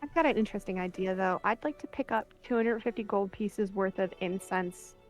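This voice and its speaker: A woman's voice: mid-range voice, brisk, soft background music, poor audio. A woman talking casually as a player in a tabletop fantasy game.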